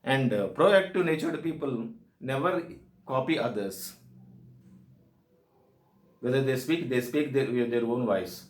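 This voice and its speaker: A man with a South Indian accent giving an instructional presentation as a soft skills trainer, speaking emphatically in short, repeated declarative phrases. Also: medium pitch, unhurried, long pauses. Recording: echoey room sound.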